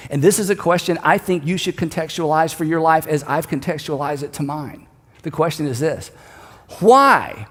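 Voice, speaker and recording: Middle-aged male pastor, storytelling sermon, higher voice, long hall reverb. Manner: storytelling, rising to emphatic calls with the congregation.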